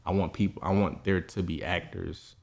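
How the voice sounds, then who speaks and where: Man, Atlanta accent, very low voice, halting, earnest, casual podcast chat. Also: steady tone, vocal fry, darkish tone. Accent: Southern US, Atlanta. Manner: earnest, halting, many fillers.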